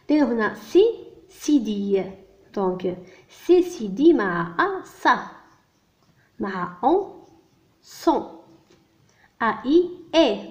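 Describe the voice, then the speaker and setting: A woman teaching a primary-school French lesson, explaining in Arabic and sounding out each French word slowly and carefully for children. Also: fairly high pitch, a little mellow. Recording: dull lo-fi recording.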